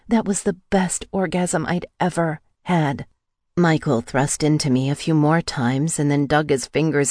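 Low-voiced woman narrating a romance audiobook. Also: darkish tone, dry recording, studio quality.

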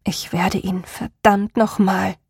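A haunted, resolute young woman, read by a woman narrator speaks in low, measured, weary tones. Her voice carries a gravelly, breathy texture. The recording is close and dry. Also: flat delivery, darkish tone, no room sound, heavily acted. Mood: grim. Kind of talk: audiobook character reading.

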